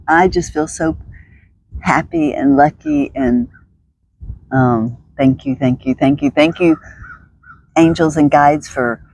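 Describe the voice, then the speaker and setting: A woman's voice: low voice, darkish tone, no room sound. Chatty woman guiding stretches. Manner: chatty, upbeat, thinks aloud, laughs often. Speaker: stretching instructor. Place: outdoors in the sun.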